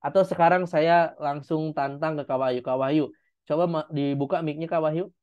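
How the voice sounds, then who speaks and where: A man's voice: fairly high pitch, steady tone, moderate pace, darkish tone, clean tone. A man, coaching an online public speaking class and giving encouraging feedback step by step. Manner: encouraging, explains step by step, with demonstrations. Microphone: video call. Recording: dull video call audio.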